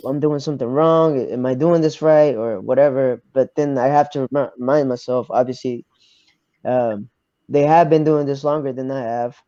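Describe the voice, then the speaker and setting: A young man from Arkansas, a fighter answering interview questions quietly, pausing to search for words. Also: a little high, no echo, muffled recording. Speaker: MMA fighter, guest. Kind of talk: casual interview.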